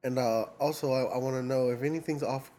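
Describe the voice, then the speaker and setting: A man's voice: mid-range voice, fairly even intonation, fast, warm tone. A man co-hosting a casual, profane podcast chat, laid-back and full of slang. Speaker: co-host.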